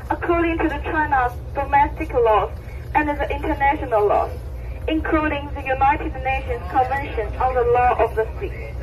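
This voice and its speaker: A woman coast guard radio operator reading a stiff, formal warning over a marine radio transmission. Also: sits high. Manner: stiff, formal, reads a set statement. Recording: distant noisy marine radio.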